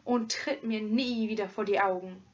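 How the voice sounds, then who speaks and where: A woman's voice: mid-range voice, fairly even intonation, moderate pace, natural voice. A woman voicing an agitated old holy hermit who wails and condemns in a raised voice, in a dull lo-fi recording. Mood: furious.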